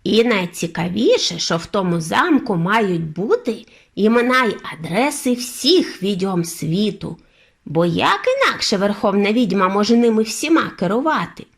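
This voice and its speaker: A steady, knowing old grandmother, as a woman plays her in a children's audiobook, slower and a touch lower than the narration. She explains things unhurriedly while the voice still moves with lively inflection. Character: calm, determined elderly grandmother.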